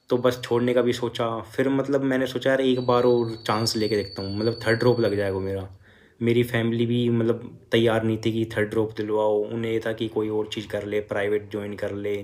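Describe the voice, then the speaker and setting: A man's voice: lowish voice, a little mellow. A young man, a first-year medical student, telling his exam story and advising students in a casual, filler-heavy way. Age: young adult. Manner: conversational, many fillers, advising students directly. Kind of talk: casual motivational talk.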